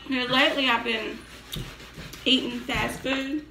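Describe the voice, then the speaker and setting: A woman hosting a casual mukbang chat at home, relaxed and laughing often as she talks between bites. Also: high-pitched, a little slow, vocal fry. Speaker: vlog host and mother. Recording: echoey room with faint background noise.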